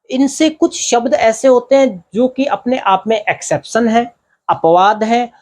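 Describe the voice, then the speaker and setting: भारतीय लहजे वाला पुरुष शिक्षक, सवाल-जवाब शैली. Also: male voice, very high-pitched. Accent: Indian. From India. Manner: explains step by step, asks and answers his own questions. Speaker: English teacher. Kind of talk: blackboard grammar lesson.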